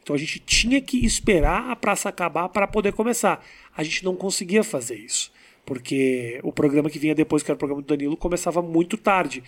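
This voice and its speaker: A man with a notably high-pitched voice chats casually with a fellow comedian. He speaks slowly and deliberately, letting pauses do the work. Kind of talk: casual interview chat.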